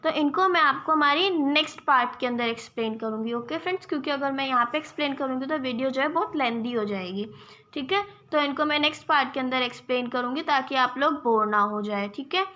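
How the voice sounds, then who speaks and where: A woman's voice: high-pitched, fast talker, sharp tone. A young woman teaching a lesson to students, checking in often and calling her viewers friends. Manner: frequent "theek hai" check-ins, addresses viewers as friends.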